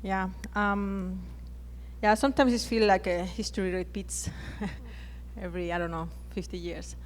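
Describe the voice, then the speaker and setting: A woman with a Chilean Spanish accent speaks English as a second language at a conference plenary. She talks in a hesitant way, often stopping and restarting her phrases, in a middle-pitched voice. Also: fairly even intonation, a little slow, slight background noise. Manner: hesitant, frequent restarts and fillers. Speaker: panelist. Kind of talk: conference panel talk.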